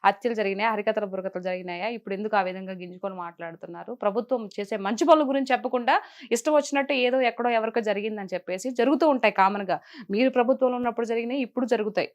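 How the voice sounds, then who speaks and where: A woman's voice: medium pitch, racing. A woman from Nellore with a Nellore Telugu accent, answering interview questions in a blunt, defiant, plain-spoken way. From Nellore, Andhra Pradesh. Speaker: interviewee, political commentator.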